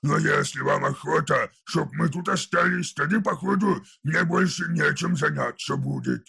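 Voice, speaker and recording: A hulking, foul-mouthed orc warlord growls his words in a deeply gravelly, throaty rasp. The voice sits a little above the storyteller's own register, with coarse, slangy delivery full of brutish mockery, like an audiobook villain. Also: normal speed, sharp tone, heavily acted. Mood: mocking. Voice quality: gravelly, rough. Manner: crude slangy speech. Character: huge brutish male orc warlord, crude and mocking. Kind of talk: audiobook character voice.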